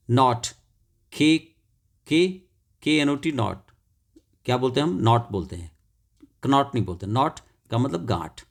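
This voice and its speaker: A man's voice: medium pitch, vocal fry, darkish tone. A man teaching an English lesson, spelling words out letter by letter and checking in with students after each point. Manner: repeats words and adds "theek hai" checks. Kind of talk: classroom lesson explanation.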